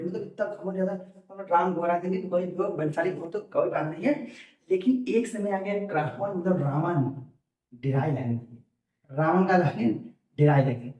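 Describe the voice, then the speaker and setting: A man's voice: high voice, darkish tone. A man teaching an exam-prep vocabulary lesson, drilling words by asking a question and answering it himself. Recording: echoey room, voice from far off.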